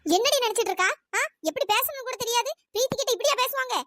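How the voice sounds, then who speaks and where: A performer voicing a sharp-tongued older aunt in a cartoon story, nagging and accusing. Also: extremely high pitch, racing, no echo, clean studio sound. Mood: scolding. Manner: nagging, accusing, shouting insults.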